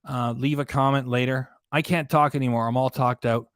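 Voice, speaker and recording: A man with a medium-pitched, fairly even voice hosts a reaction livestream, reading chat a little fast as he rants indignantly, repeats himself and goes hoarse. There's no room sound, and the quality matches a studio. He uses a desk microphone placed out of sight behind a graphic.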